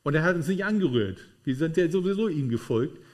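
Emphatic German-speaking preacher, fairly high voice. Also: male voice, expressive, fairly quick, darkish tone. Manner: emphatic, addresses congregation with tag questions. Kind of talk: sermon. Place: room with a congregation.

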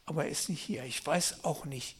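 A middle-aged man preaching a sermon. He reads scripture quietly and tells his own stories loudly and with excitement. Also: fairly high pitch, brisk. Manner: swings from quiet scripture reading to loud excited storytelling.

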